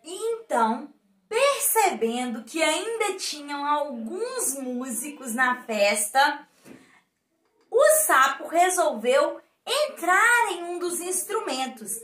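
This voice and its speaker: A woman with a Brazilian accent, a preschool teacher telling a story to small children, animated and asking them questions. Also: high-pitched, takes it slowly. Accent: Brazilian Portuguese. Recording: echoey room.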